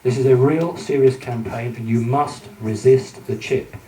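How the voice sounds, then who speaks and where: At a conference hall, a man lectures from slides, earnest yet hesitant and full of fillers. His voice is mellow, medium-pitched, and measured, picked up by a distant mic in the echoey hall.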